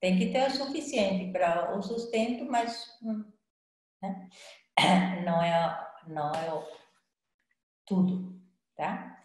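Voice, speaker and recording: A woman's voice: on the low side, takes it slowly, long pauses. An older woman talks through her ideas in an easy, conversational way, often tossing in little tag questions and fillers. Her voice carries a heavy room echo, as if it were caught in a bare, hard-walled space. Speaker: astrologer giving a talk. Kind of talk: live online talk. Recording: very roomy sound.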